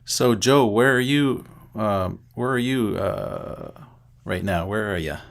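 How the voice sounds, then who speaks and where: A man's voice: fairly low pitch, animated, takes it slowly, vocal fry. A middle-aged man from Canada hosting a casual livestream, chatting to viewers by name and thinking aloud as he sets things up. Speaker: livestream host.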